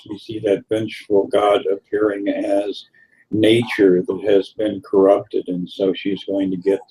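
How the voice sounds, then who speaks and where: Low, husky man musing slowly. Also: warm tone, low-quality recording. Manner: unhurried and reflective, with frequent pauses. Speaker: co-host reviewing a film. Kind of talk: casual discussion.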